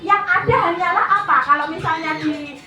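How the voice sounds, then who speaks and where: A woman with a Javanese accent giving a chatty, animated parenting talk to parents, dropping into Javanese phrases. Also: very high-pitched, fairly quick. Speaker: parenting seminar speaker. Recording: echoey hall, distant mic, noisy.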